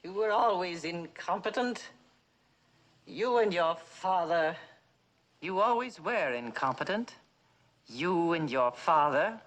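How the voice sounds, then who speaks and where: A woman's voice: lowish voice, expressive, slow, pauses often. An actress playing an imperious, ailing older woman who scorns her son, in a 1960s television drama. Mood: scornful. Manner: commanding, cutting, theatrical.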